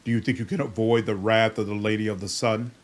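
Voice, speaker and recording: A man voicing a hostile warrior guard in a fantasy game, forceful, indignant and accusing. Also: medium pitch, moderate pace, husky, voice pushed up, natural voice. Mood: outraged.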